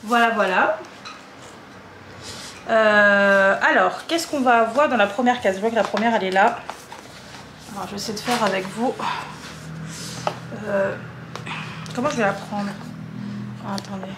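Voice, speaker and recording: A young French woman rambles casually through an unboxing vlog at home, her medium-pitched, fairly bright voice unhurried and pausing often. She coughs a little and leans on fillers and repeats, while the room adds echo and a faint hum.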